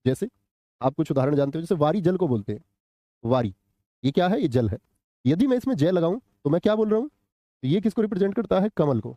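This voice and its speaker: Hindi tutor quizzing a live class. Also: male voice, high-pitched, dark tone, dry recording. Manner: quizzes students, answers his own questions; reads and answers live chat comments. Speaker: teacher.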